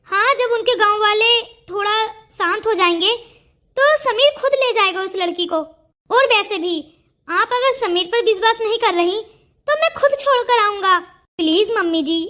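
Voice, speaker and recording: A woman voicing a polite young daughter-in-law gently persuading her mother-in-law in a cartoon. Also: extremely high pitch. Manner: sweetly persuasive. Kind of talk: cartoon voice acting.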